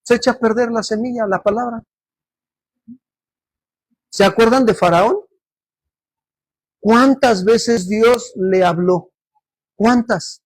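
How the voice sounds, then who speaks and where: A man's voice: sits high, slow, long pauses, breathy edge, no room sound. A man preaching a sermon as pastor, often putting questions to the congregation for them to answer. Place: church service.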